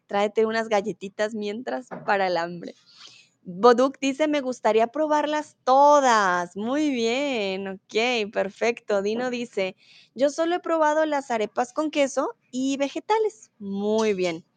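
A woman's voice: on the high side, animated, slow pace. A woman from Bogotá, Colombia, teaching a live online Spanish class in a friendly manner and reading out her students' comments. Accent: neutral Bogotá Colombian Spanish. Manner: friendly, reads student comments aloud with laughs.

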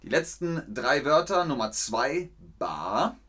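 A man teaching a live online language lesson, answering chat questions patiently and repeating example sentences clearly. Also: mid-range voice, big pitch swings, slow, fairly bright tone. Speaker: German language teacher streaming.

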